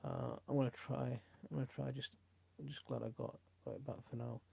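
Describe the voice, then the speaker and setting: His voice is mid-range, warm and creaky with a breathy edge, flat in delivery and a little fast. A middle-aged South Yorkshire man with a Yorkshire accent, he hosts a live stream informally, rambling and reading out comments in a friendly way.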